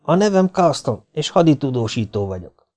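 A man's voice: medium pitch, sing-song, dark tone, voice pushed up, lightly acted. A man voicing a harried male war correspondent who calls out urgently and pleads.

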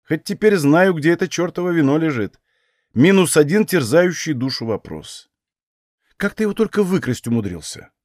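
A sharp-tongued woman mage who teases and mocks in a raised, lively voice, as a male reader puts her on. The storybook reading is close and dry. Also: on the high side, normal speed, dry recording, voice pushed up, close to an everyday voice. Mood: wry. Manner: sarcastic, teasing.

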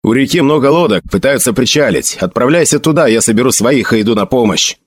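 A man voicing a brisk male commander giving quick instructions. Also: mid-range voice, lively intonation, slightly rough, dry recording, clean studio sound. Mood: hurried.

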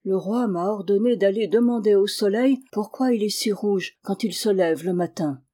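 Woman voicing a humble young shepherd, earnest, pleading, husky voice. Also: medium pitch, normal speed, mellow, natural voice.

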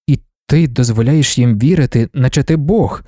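A man's voice: mid-range voice, normal speed, warm tone, dry recording, clean studio sound, close to an everyday voice. A man reading the part of a blunt, wary male soldier who asks short, pointed questions.

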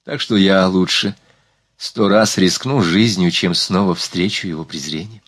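A desperate, resolute young woman, voiced by a man reading in a low tone, earnest and pleading. The sound is close and dry. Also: measured pace, fairly bright tone, husky, dry recording, exaggerated voice.

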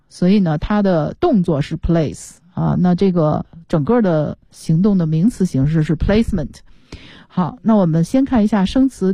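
A woman's voice: mid-range voice, dark tone, dry recording. A woman teaching an English lesson on the radio, explaining words patiently and mixing English terms into her talk.

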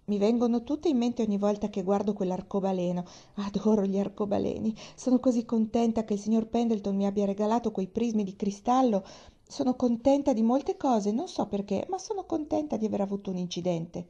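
A woman's voice: mid-range voice, a little fast, mellow, highs cut off, voice pushed up, close to an everyday voice. A woman voicing Pollyanna, a cheerful, eager little girl in a storybook reading.

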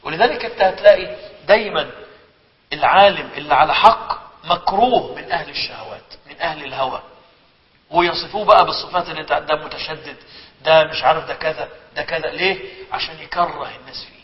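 Egyptian sheikh teaching a lesson, quick and higher-pitched, fond of rhetorical questions, recorded dull and lo-fi with hall reverb. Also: male voice. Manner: rhetorical questions, lively storytelling. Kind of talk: religious lesson. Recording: echoey hall, dull lo-fi sound.

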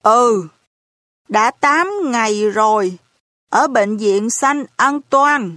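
A woman voicing a hard-of-hearing elderly landlady who speaks in a slow, lamenting, folksy way. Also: fairly high pitch, bright, forceful tone, no echo, studio quality, exaggerated voice. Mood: lamenting, gossipy.

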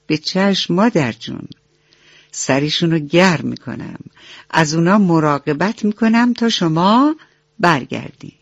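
A woman's voice: fairly low pitch, animated, gravelly, dry recording. A woman voicing a young male duckling, an eager and dutiful big brother who talks to the little ones earnestly and soothingly. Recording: dull lo-fi radio recording with soft music.

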